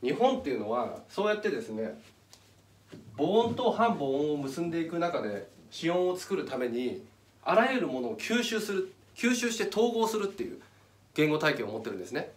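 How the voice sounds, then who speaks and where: Working through a chart step by step, a male channel host explains things casually, pointing out details along the way. He speaks at normal speed in a slightly high, sing-song voice. The room is echoey and the mic is far away.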